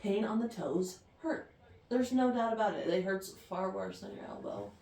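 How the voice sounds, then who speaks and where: A woman's voice: mid-range voice, animated, moderate pace, mellow. A young woman co-hosting a casual podcast, telling stories expressively and swearing freely. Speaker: podcast co-host. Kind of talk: casual chat, animated storytelling. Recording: echoey room, distant mic, faint hiss.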